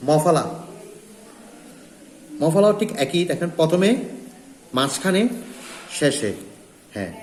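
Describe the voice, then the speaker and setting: A man with a Bangladeshi Bengali accent teaches a lesson, his voice pitched a little high. He explains each rule step by step and repeats the key points for emphasis. The recording has a roomy sound with a long, hall-like reverb. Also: big pitch swings, slow, pauses often, a little mellow. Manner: repetitive, emphatic instructional delivery. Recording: echoey room with long reverb.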